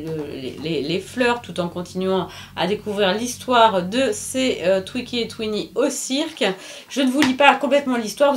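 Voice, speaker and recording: A woman with a somewhat high voice walks parents through a children's picture book in a loose, chatty demonstration. She hesitates often, fills her pauses, and chuckles at her own little jokes. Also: slight background noise. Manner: chatty, full of hesitations and filler sounds.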